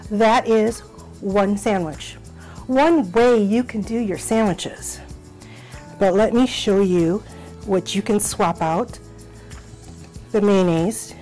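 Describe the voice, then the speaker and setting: A middle-aged woman hosts a cooking show from her small home kitchen, walking through each step in an encouraging, unhurried way. Her voice is medium-pitched and a little mellow.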